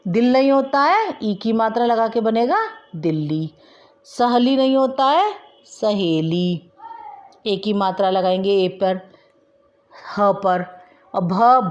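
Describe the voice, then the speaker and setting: A woman teacher giving a recorded primary school language lesson, dictating example words slowly and mixing in English words. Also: mid-range voice, highs cut off. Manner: slow, deliberate dictation of example words and sentences; mixes English words into Hindi. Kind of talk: recorded online class lesson.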